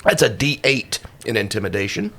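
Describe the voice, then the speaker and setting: Lively-pitched man playing a tabletop game. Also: a little fast. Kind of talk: casual game chat.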